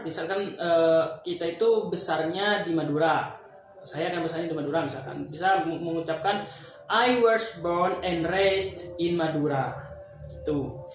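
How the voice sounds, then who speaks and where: A young man from Indonesia giving a casual English lesson, talking through examples slowly with many fillers. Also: a little high. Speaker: English teacher. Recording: very echoey room, faint background noise.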